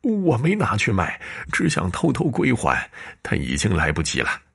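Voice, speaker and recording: A man's voice: on the low side, huge pitch swings, normal speed, creaky, fairly bright tone, slightly rough, voice pushed up, exaggerated voice. Man doing a dying servant boy, sobbing and whispering. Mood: tearful, remorseful. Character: young male servant, dying, tearful and remorseful.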